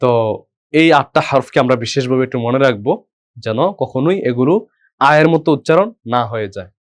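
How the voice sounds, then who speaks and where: A man teaching an online Quran reading class, slowly drilling Arabic letter sounds and asking the students questions. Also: mid-range voice. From Bangladesh.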